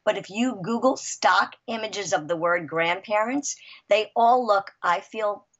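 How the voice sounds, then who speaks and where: A woman in her sixties, a writer and guest, chatting in an interview, lively and emphatic, with frequent restarts. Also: medium pitch, a little slow. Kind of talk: casual interview chat. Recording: dull lo-fi audio.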